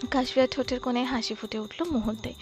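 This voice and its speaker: A woman narrating a romantic audio story in a soft, steady storytelling voice. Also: on the high side, fast talker. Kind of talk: scripted narration.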